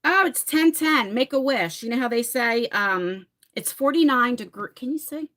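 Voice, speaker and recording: This host, a woman in her forties from New Jersey, USA, keeps up casual chatter on a live stream, laughing a lot and calling viewers by name as she reads their comments. Her voice is on the high side, animated, bright and forceful, with a measured pace.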